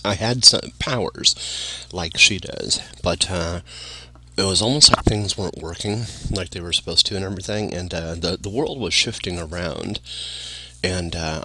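A man's voice: low voice, sharp tone, slight background noise. A tired man talking casually to the camera in a meandering monologue, full of fillers and restarts. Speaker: vlogger.

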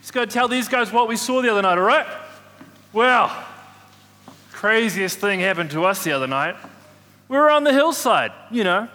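In a church Christmas play, a man plays an excitable, chatty middle-aged shepherd, rambling comically at a moderate pace with frequent pauses and loud whoops. His high, bright, cutting voice sounds excited and echoes through a long hall with heavy reverb.

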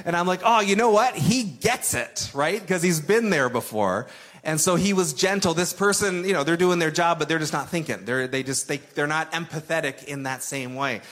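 A man's voice: on the high side, fairly quick, fairly bright tone. A man preaching a sermon in a conversational, emphatic way, repeating key phrases for weight. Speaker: pastor.

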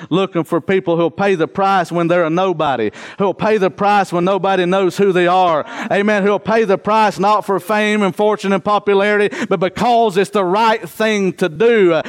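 High-pitched man preaching an earnest sermon. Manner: earnest, exhorting, with repeated phrases for emphasis.

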